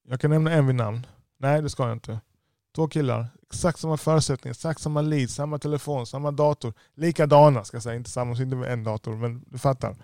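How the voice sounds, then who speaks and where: A business owner with a lisp, giving a blunt, profane podcast monologue. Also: male voice, mid-range voice, fairly even intonation, mellow, no room sound, studio quality.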